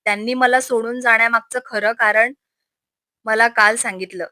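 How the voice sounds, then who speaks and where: A woman's voice: fairly high pitch, fairly even intonation, normal speed, pushed and bright, dry recording. A woman voicing a shy young wife who speaks hesitantly and stammers, in a storybook reading. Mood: timid.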